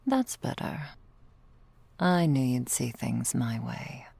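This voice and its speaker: Close to the mic in a dry, roomless recording, a woman plays a drowsy, possessive, affectionate ancient vampire girlfriend in soft, breathy ASMR roleplay. Her extremely low voice is sing-song and very slow, heavily acted, languid and teasing in formal, old-fashioned phrasing. She sounds smug and cosy.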